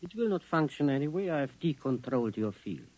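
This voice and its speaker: Haughty alien agent with animated intonation. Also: male voice, a little high, fairly quick, no echo, low-quality recording. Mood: commanding. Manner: formal, condescending, imperious. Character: haughty, coolly ruthless Venusian agent, about sixty. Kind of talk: 1950s radio drama acting. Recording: vintage 1950s radio recording.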